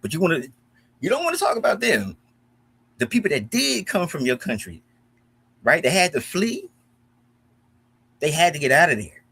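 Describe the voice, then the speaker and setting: Heated, profane American man, animated. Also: on the high side, moderate pace, vocal fry, pauses often, breathy edge. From United States. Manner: animated, profane, repeats himself when heated. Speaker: commentary host. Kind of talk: heated reaction commentary.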